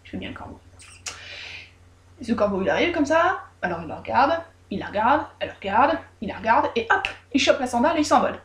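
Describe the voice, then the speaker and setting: A woman's voice: a little high, fast, hardly any pauses. Joking woman retelling a folk tale. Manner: lively, joking, irreverent asides. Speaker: storyteller. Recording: roomy echo.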